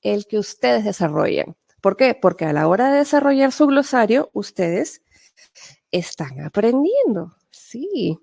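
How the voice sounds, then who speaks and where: Gravelly Peruvian woman lecturing casually. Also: fairly high pitch, big pitch swings, measured pace, warm tone, no room sound. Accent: Peruvian Spanish. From Peru. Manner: conversational, many fillers and tag questions. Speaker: medical interpreter and webinar speaker. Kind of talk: webinar lecture.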